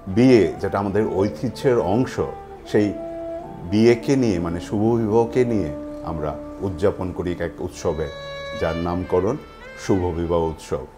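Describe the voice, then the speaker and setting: A man hosting a lucky draw event, presenting in a semi-scripted way with halting, deliberate phrasing and frequent pauses. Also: on the low side, darkish tone. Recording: music playing behind the voice. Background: music.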